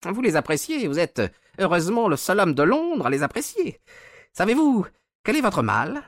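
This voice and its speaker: A man putting on a high sneering villain. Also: big pitch swings, normal speed, no echo, clean studio sound. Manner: sneering, mocking, taunting. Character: gloating sinister male poisoner villain.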